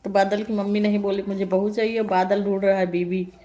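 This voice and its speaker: Woman live-stream host, mid-pitched, chatty and teasing, laughs often. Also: level tone, fairly quick, mellow. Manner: playful teasing, frequent laughter. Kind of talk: casual live-stream chat reading comments.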